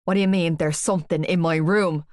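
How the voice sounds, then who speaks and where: A big teenage boy, gently teasing and amused, as a woman narrator puts him on. The voice drops a little lower and softer than her own, recorded close and dry, as in an audiobook. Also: steady tone, a little fast, no room sound, close to an everyday voice.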